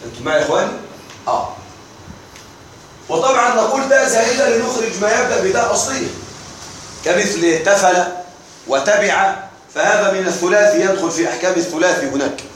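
A man's voice: high-pitched, lively intonation, quick pace, long pauses, a bit bright, slight background noise. A man teaching a classroom grammar lesson. He asks the class questions and answers them himself. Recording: echoey room recorded from a distance.

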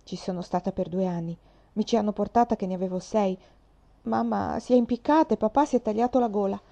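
A woman's voice: mid-range voice, fast, vocal fry, mellow, natural voice. A woman voicing a tough, boastful orphan girl of about twelve who talks in a brash, defiant way. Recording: slightly dull lo-fi recording.

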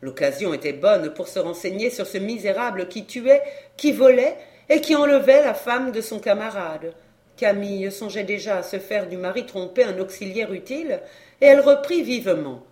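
A woman reading a detective novel aloud as an audiobook narrator, in measured storytelling. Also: medium pitch, animated, warm tone. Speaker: audiobook reader.

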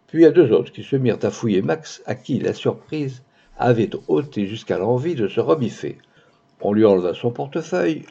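A man narrating a classic novel as an audiobook, reading in a measured, expressive way. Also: lowish voice, vocal fry, slightly rough. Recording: dull lo-fi recording.

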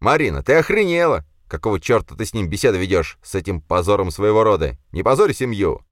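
A man voicing a brutish, hot-tempered young nobleman who growls and shouts insults in an audiobook. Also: deep voice, lively intonation, moderate pace, no room sound, studio quality. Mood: furious. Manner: growling, aggressive.

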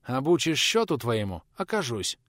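A man's voice: sing-song, moderate pace, a bit bright, no room sound. A male narrator voicing a sullen, blunt peasant boy in an audiobook, speaking with curt replies. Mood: sullen cheeky. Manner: curt, blunt, slightly raised pitch. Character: sullen, cheeky peasant boy, eldest orphan.

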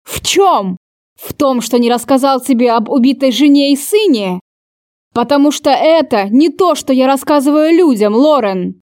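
A woman voicing a furious, cruel man who shouts and swears in an audiobook. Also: high voice, lively intonation, normal speed, no echo, clean studio sound. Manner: shouting, swearing, spitting words.

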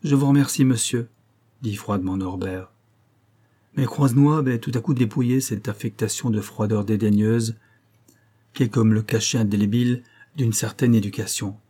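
A male audiobook narrator reading a novel in a steady, measured voice. His voice is low and dark, with a husky texture.

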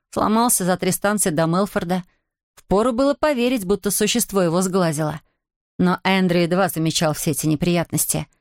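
Woman reading an audiobook, lowish voice, steady, dry close mic. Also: no room sound. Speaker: audiobook narrator. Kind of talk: scripted narration.

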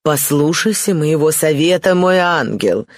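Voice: medium pitch, animated, measured pace, no echo, clean studio sound. A reader voicing a pompous, stately aristocratic dowager who scolds and pleads with her daughter, in an audiobook. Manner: stately, grandiose. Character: older aristocratic dowager mother, pompous and anxious.

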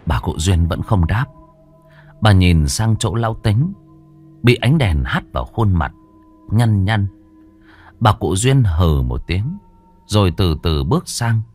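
A man narrating a ghost story with a dramatic, drawn-out delivery. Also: low voice, sing-song, darkish tone, faint music behind.

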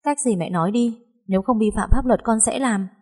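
A woman voicing a hot-tempered young woman who speaks in sharp, indignant retorts. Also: fairly high pitch, brisk, slightly rough, voice pushed up. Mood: upset.

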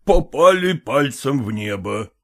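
A condescending professor in an audiobook, read by a man in his own voice. He speaks at an ordinary male pitch with a lively, rolling melody. He brushes off every accusation with smug, soothing evasions. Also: a little slow. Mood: patronizing. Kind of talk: audiobook character reading.

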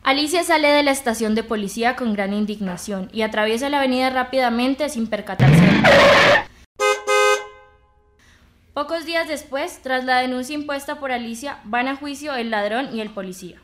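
A woman narrating an audio story in a measured, dramatic reading style. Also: high-pitched, heavy background noise.

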